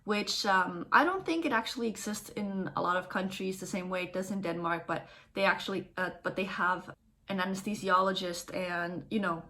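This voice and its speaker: A woman's voice: mid-range voice, normal speed, pushed and bright, a little hiss or hum. A woman in her twenties chatting casually to a vlog audience, explaining things informally as she goes. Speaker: vlogger, first-year medical student.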